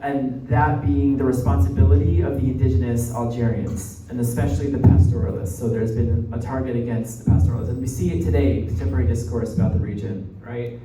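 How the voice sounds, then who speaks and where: With music in the background, a young American from New Jersey speaks at medium pitch in a steady tone, a little fast and with few pauses. He's a graduate student giving a conversational guest lecture, regularly checking in with the audience and asking "right?" after points. The audio is muffled and reverberant, picked up from a distance with faint noise.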